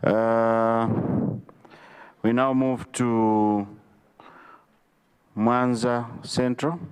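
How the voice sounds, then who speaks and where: A man with a Malawian accent chairing parliament as Speaker in a formal, measured, procedural manner. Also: mid-range voice, little pitch movement, smooth. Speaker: speaker presiding over parliament. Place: parliament chamber.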